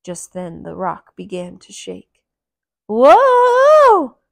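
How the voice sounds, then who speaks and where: Reading a children's picture book aloud, a woman takes on a deliberate, expressive storytelling manner. She has a medium pitch with vocal fry, and the recording has no room sound.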